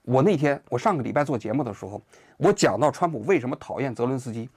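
A man hosts his own political commentary show, speaking fast in a husky, mid-range voice with no room sound. He's casual and animated, firing off lots of rhetorical questions.

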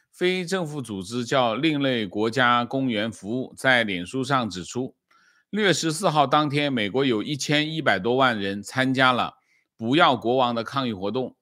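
A man talks through current affairs in a steady commentary voice of middling pitch, often pausing on a drawn-out "ah" and correcting himself mid-phrase. The recording is dry and close, with no room sound. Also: dry recording. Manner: frequent drawn-out "ah" fillers and self-corrections. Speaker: news commentator. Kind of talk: news commentary.

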